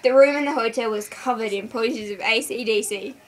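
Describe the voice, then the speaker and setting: Reading a school story to friends at home, a young woman speaks briskly in a voice on the high side. She giggles a lot and breaks away to trade banter with her audience. There's clear noise throughout the recording.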